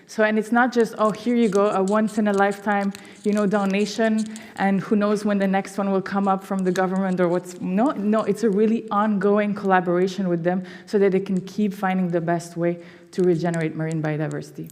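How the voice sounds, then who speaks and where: In a symposium hall where long reverb trails her words, a Belgian woman from a foundation gives a public presentation with eager, enthusiastic energy. Her middle-pitched voice is level in tone, a little mellow and a bit fast, and she often drops fillers like "you know" and "no."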